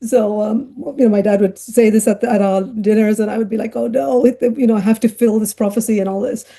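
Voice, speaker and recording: A child psychiatrist who was raised in Ghana, this middle-aged woman talks about her life as a podcast guest in a relaxed storytelling interview packed with fillers and laughs. Her voice is medium-pitched, steady and mellow, with some vocal fry, and she moves at a quick pace.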